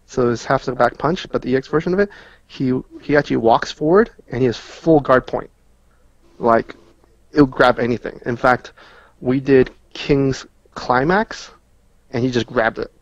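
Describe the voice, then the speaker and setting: This man speaks at a medium pitch and moderate pace while chatting as a gaming podcast guest. He breaks down moves in heavy player jargon during casual game analysis, and the recording is dull and lo-fi, in a roomy space.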